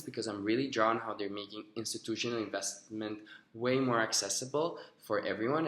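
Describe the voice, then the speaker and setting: A young man speaks in a somewhat low voice, delivering prepared answers for a video job interview. His talk is earnest and a little rehearsed, with the odd "um". The sound is roomy and echoey. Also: a bit bright. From Costa Rica. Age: young adult. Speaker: job applicant. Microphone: recorded himself on video.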